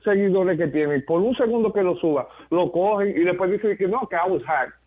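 Guy, salty spanglish radio banter, kinda high voice, tinny phone-like audio. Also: brisk, husky. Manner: brash, animated storyteller with salty slang. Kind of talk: casual radio banter, switching between Spanish and English.

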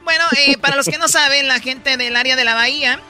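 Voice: sits high, brisk, sharp tone, faint music behind. A radio co-host in casual, teasing banter with the other hosts. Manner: teasing, chatty, lets out bursts of laughter.

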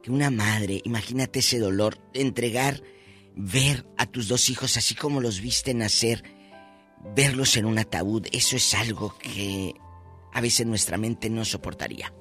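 A man's voice: fairly low pitch, unhurried, a bit bright, soft background music. A man co-hosting a call-in radio show who retells stories in an emotive, exclamatory way. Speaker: radio co-host.

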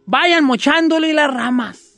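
A woman's voice: high voice, a little slow, a bit bright, no echo, soft background music, pitched above the performer's own voice. A woman putting on a bossy father giving his children orders. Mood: commanding. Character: brisk father of the family, grown man.

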